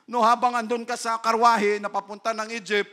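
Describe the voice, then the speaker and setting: A man with a Filipino accent preaching a sermon as pastor, reading scripture slowly and then explaining it, often tagging lines with "no?". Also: very high-pitched, level tone. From Philippines. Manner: switches between English scripture reading and Tagalog explanation, frequent tag "no?"; reads scripture slowly and loudly, drops to quiet explaining.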